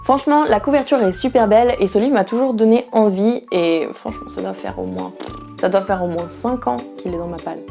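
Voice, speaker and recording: Young woman, warm mellow voice, casual chatty book vlog, light music behind. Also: medium pitch, brisk, vocal fry. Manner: chatty, playful, frequent fillers and asides. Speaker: book vlogger. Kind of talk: casual book talk to camera. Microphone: camera mic.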